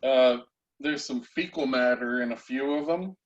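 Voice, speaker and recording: A man acting as game master, narrating and explaining a tabletop game haltingly, pausing mid-sentence. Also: mid-range voice, lo-fi sound.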